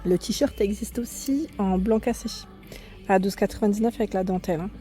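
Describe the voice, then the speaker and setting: At a moderate pace, a woman with a mid-range voice vlogs casually through a clothing store, correcting herself frequently. The store's music is loud, so she speaks up over it, though the recording picks it up only faintly.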